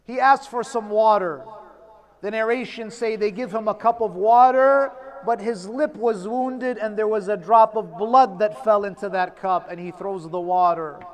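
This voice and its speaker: A man with a strikingly high voice preaches a sermon that tells a sorrowful story. He delivers it dramatically, often sinking into a hushed tone at the saddest moments. At times he breaks into a chanted lament. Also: moderate pace.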